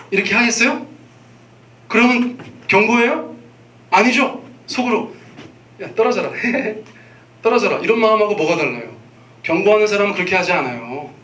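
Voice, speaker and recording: A middle-aged man preaching a sermon as pastor, acting out warnings to his children with sudden loud calls. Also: sits high, roomy sound. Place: church sanctuary.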